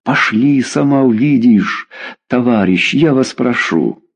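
A man's voice: mid-range voice, lively intonation, takes it slowly, husky, pitched above the performer's own voice, full character voice. A male reader voicing an eager old husband who begs and pleads in a raised voice.

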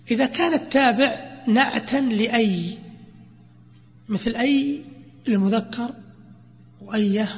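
Male grammar teacher, high voice, quizzes the class, lo-fi hall recording. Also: a little hiss or hum. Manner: lively, quizzes students with questions. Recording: dull lo-fi recording with hall reverb.

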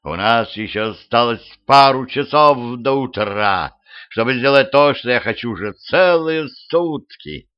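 A man's voice: mid-range voice, expressive, lightly acted. Man doing a purring, shrieking witch. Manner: slow purring, shrieking when enraged. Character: seductive scheming witch woman, later furious. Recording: dull lo-fi home recording.

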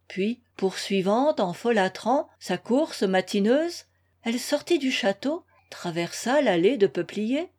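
A woman reading a nineteenth-century story aloud with measured, expressive narration. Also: on the high side. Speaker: reader. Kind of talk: literary audiobook narration.

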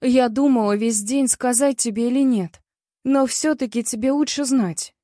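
A woman's voice: a little high, normal speed, dark tone, no room sound, clean studio sound, lightly acted. A woman reading a worried, tearful mother. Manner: hesitant, tearful.

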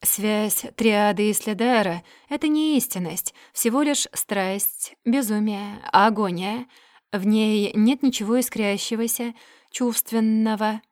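A brash male werewolf with a hoarse, insistent voice, as a woman reading the book puts him on. He presses close and possessive, and the reading sounds dry and close. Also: medium pitch, a little slow, a little mellow, no room sound, close to an everyday voice. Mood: brooding. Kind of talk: audiobook character voicing.

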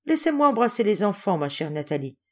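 A woman voicing an affectionate, gruff old Russian general in an audiobook, in a hearty, animated way. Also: mid-range voice, fairly quick. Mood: fond, hearty.

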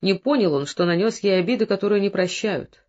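A narrator reads a novel aloud in a steady, even storytelling manner. The recording is dull and lo-fi, with a medium-pitched voice. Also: fairly quick. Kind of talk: scripted audiobook narration.

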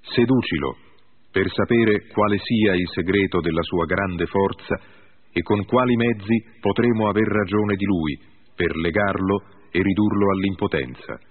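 A man's voice: low-pitched, unhurried, husky. Scheming Philistine princes, read by a man. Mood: conspiring. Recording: tinny phone-like audio.

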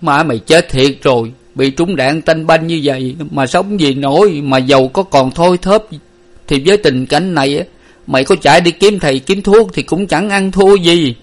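A man's voice: fairly high pitch, normal speed, pitched above the performer's own voice, close to an everyday voice. A man playing a grief-stricken older father in a storybook reading, choked and lamenting.

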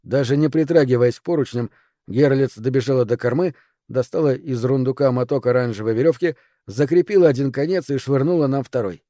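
A man reading a first-person audiobook in a measured, even voice. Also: mid-range voice, dry recording, clean studio sound. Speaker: audiobook narrator. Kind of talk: scripted first-person narration.

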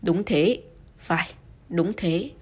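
A woman voicing an indignant, blustering middle-aged man in an audiobook, angry and loud. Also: fairly low pitch, takes it slowly, breathy edge.

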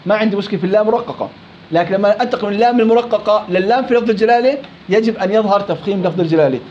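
In a tajweed lesson, a man with a high, slightly mellow voice teaches Quran recitation, slowly drawing out sample words, repeating them and firing questions at his students. The audio is dull and lo-fi, with a faint hiss underneath.

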